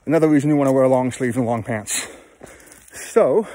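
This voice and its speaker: A man's voice: mid-range voice, warm tone, a little hiss or hum. Self-deprecating man vlogging on a hike. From California, USA. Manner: self-deprecating, halting, many restarts. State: sweaty from hiking. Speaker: travel vlogger. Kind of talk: rambling walk-and-talk vlog. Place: outdoors on open hills. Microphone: phone held at arm's length.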